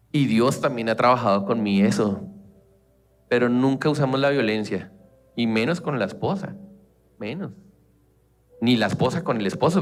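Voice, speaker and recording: A man with a Colombian accent giving a lively, conversational sermon as a church leader, acting out everyday family exchanges. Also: mid-range voice.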